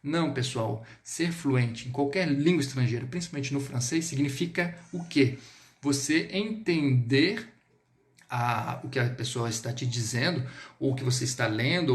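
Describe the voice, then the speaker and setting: A man with a Brazilian Portuguese accent teaching a French lesson online, lively and spelling words out slowly. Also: fairly high pitch. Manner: lively, drills words slowly, switches between two languages.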